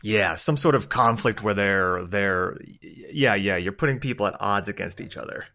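Bright, tense-toned man, excitable, laughing, stumbling into his points. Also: on the low side, moderate pace, gravelly. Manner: excitable, laughs often, stumbles over restarts. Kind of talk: casual chat.

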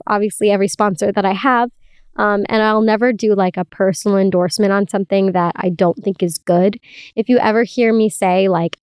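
A woman's voice: mid-range voice, a little mellow, clear, resonant tone, dry recording, clean studio sound. A woman podcast host chatting casually and giggling, recording from inside a clothes closet. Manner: chatty and giggly, with frequent "like" fillers. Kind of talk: casual solo chat. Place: inside a clothes closet under a towel shelf.

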